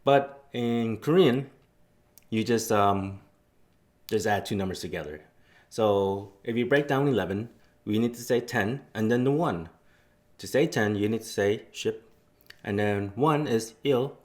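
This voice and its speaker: Relaxed man explaining step by step. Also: fairly low pitch, measured pace. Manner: explains step by step, loose fillers. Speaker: language teacher. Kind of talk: casual spoken lesson.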